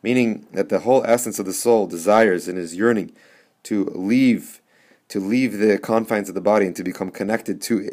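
A man's voice: lowish voice, darkish tone. A man, a rabbi, reading passages aloud and explaining them in a podcast lesson, often repeating and restarting phrases as he thinks. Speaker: rabbi teaching a text.

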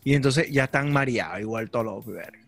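A Venezuelan man hosting a casual chat with friends, slangy and joking, often breaking into loud laughter. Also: medium pitch, fairly quick, faint music behind. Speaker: podcast host. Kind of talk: casual banter among friends.

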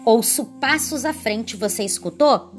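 A woman's voice: fairly high pitch, lively intonation, faint music behind. A woman voicing a big, hungry storybook monster who is easily astonished. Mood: amazed. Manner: astonished, slow and wondering.

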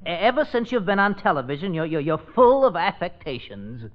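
An actor playing a fussy, dry, mildly scolding brother-in-law in a 1950s radio sitcom. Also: male voice, high-pitched, very animated, a little fast. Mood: fussy, reproving. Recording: muffled vintage radio broadcast.

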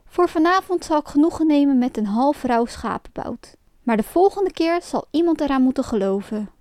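A woman voicing a gruff, frightening male puppet master who barks orders. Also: high-pitched, lively intonation, normal speed, no echo. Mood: kindly. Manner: bossy, shouting.

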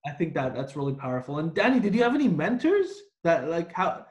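A man's voice: fairly high pitch, sing-song, a little fast, darkish tone, lo-fi sound. Man host asking questions in a roomy space. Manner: reflective, uses fillers like um and like. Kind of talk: podcast interview. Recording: roomy echo.

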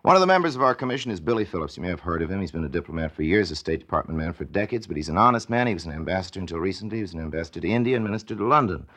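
Casting: male narrator playing indignant, bitter American statesman, 1940s radio drama, deep voice, emphatic oratory. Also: lively intonation, very fast, hardly any pauses, a bit bright. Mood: indignant outrage.

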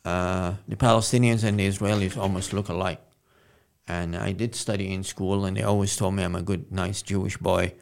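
A man from Jerusalem, a guest poet in a casual interview, talking in a halting, earnest way with many pauses. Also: low voice, level tone, gravelly, clear, resonant tone.

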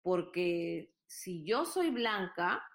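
A woman's voice: fairly low pitch, very animated, extremely slow, gravelly. A Peruvian woman telling stories in a casual chat, earnest and full of fillers. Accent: Peruvian Spanish. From Peru. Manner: hesitant, many fillers, earnest storytelling.

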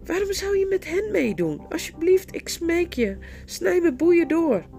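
A woman voicing an enchanted young male knight who begs and pleads, breaking into frantic shouts. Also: very high-pitched, big pitch swings, a little slow, creaky, faint music behind, voice pushed up, heavily acted. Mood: pleading.

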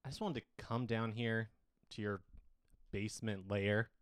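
A man playing a petty, bragging male head of the family in an improvised comedy audio drama, spiteful and prone to loud outbursts. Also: fairly low pitch, steady tone, measured pace, clear, resonant tone, dry recording, natural voice. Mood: gloating.

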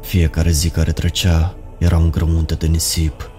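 A man narrating a horror story in a slow, even storytelling manner. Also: rumbling low, faint music behind.

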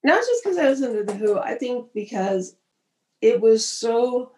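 A woman's voice: on the high side, sing-song, unhurried, darkish tone, a little hiss or hum. Opinionated woman in an echoey room. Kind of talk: casual music chat.

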